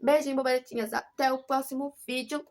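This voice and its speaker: A woman's voice: high voice, steady tone, brisk. A woman with a Brazilian Portuguese accent, telling a personal story in a rambling, earnest vlog with many restarts. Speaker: vlogger. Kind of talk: casual confessional vlog.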